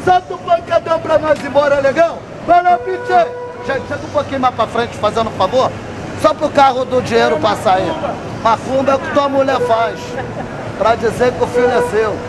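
A Brazilian street performer with a very high voice works a crowd outdoors, joking and giving orders to a little puppet. Loud crowd chatter and street noise surround him. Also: male voice, normal speed. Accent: Brazilian Portuguese. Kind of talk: street show patter to a crowd. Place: busy city street outdoors.

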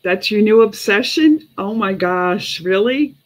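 Selling vintage glass online, this middle-aged woman works as an easygoing auctioneer, mixing bids and prices with friendly chatter while taking her time and pausing. She speaks indoors in a small home room, her mid-range voice animated, though the audio is poor.

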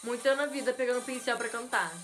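A woman's voice: a little high, steady tone, quick pace, over music. A young Brazilian woman hosting a reaction vlog, playful and self-mocking, with exaggerated intonation. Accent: Brazilian Portuguese. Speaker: youtuber host.

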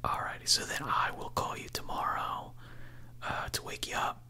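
A man in his thirties chatting casually on the phone in a breathy ASMR whisper, close to a desktop microphone in a small room. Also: moderate pace, bright, forceful tone. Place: small room indoors at home. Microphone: close desktop condenser microphone.

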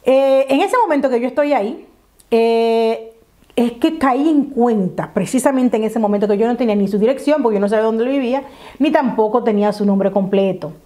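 A woman's voice: a little high, a little fast. A young woman, telling a dramatic storytime vlog and acting out the quotes. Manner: animated, dramatic retelling with acted-out quotes. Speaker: vlogger. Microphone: camera mic.

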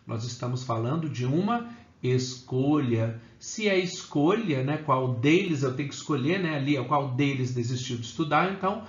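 A man's voice: medium pitch, lively intonation, normal speed. A male English teacher talks learners through question words, step by step, stopping often to check they follow. His voice sits in the middle of the range. The room is echoey and the sound a bit dull. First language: Portuguese. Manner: explains step by step, often adds "né?" and "ok?". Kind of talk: classroom grammar lesson.

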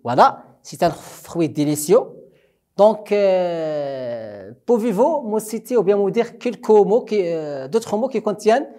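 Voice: mid-range voice, lively intonation, slow, mellow. A primary school French teacher, giving a recorded lesson and patiently repeating each word for the children to echo.

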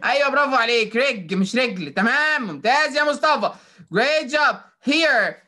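Egyptian woman teacher on a video call, bright and encouraging, mixes English into her Arabic. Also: sits high, lively intonation, moderate pace. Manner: coaxing and praising, mixing in English words. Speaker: phonics teacher for children. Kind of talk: online class drilling children.

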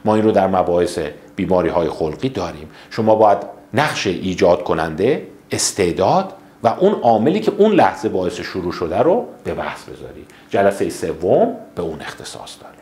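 A man's voice: sits low, big pitch swings, a little mellow, echoey room. A man, a psychiatrist, lecturing in a conversational way and acting out how people react.

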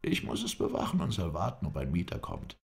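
A man's voice: deep voice, very animated, brisk, creaky, voice pushed up, heavily acted. A man voicing a fawning, eager male house watchman who is keen to please.

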